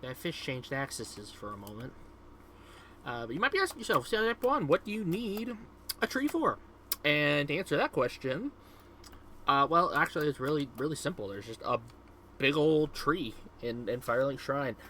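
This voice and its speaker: A gaming video host, a young man, talks casually over his gameplay at normal speed, rambling and upbeat with plenty of fillers. His bright, lively voice swings up and down in pitch over a faint hiss of ambient noise.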